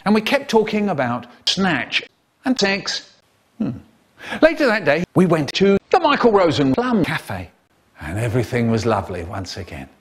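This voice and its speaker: Brief: male storyteller, big swooping delivery, slightly husky, full of noises and voices. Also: on the high side, normal speed. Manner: very expressive, with sound-effect noises and voices. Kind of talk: animated comic story reading.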